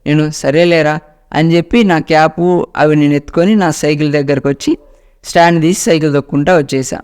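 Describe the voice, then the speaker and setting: A man's voice: a little high, fast, darkish tone, clean tone. A man narrating a first-person ghost story in a dramatic storytelling manner.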